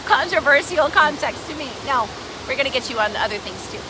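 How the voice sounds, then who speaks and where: Upbeat, chatty woman over steady hissy noise. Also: sits high. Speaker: co-host promoting a giveaway. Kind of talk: casual livestream chat with viewers. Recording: noisy livestream with steady rushing hiss.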